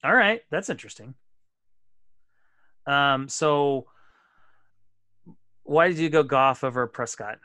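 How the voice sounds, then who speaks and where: Man, podcast co-host, bright forceful voice, dry close sound, casual chat, self-deprecating, stumbling restarts. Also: medium pitch, expressive, slow, long pauses, dry recording.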